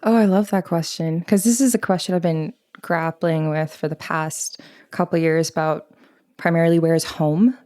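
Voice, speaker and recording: Low-voiced young woman, earnest interview guest. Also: steady tone, normal speed, mellow. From Thailand. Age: 20s. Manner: earnest, reflective, with many likes. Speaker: guest, literary editor. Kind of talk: conversational interview.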